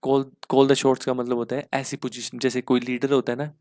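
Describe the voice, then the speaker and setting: A man teaching English for an exam in a mix, explaining step by step with rhetorical questions and spelling words out slowly. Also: mid-range voice, level tone, darkish tone. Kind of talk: exam-prep lesson in Hindi-English mix.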